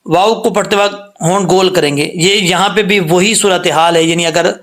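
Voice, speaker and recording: A man with a fairly high voice teaches the rules of Quran recitation step by step. He is patient and repeats himself often, and he stretches out slow, sung demonstrations of single sounds. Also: fairly even intonation, fairly bright tone. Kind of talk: tajweed lesson, explaining and demonstrating letter sounds.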